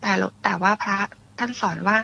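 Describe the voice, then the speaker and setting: A woman calling in to a radio talk show and telling her story in a fast, animated way. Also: medium pitch, creaky, slight background noise, poor audio. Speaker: caller. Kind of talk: casual chat.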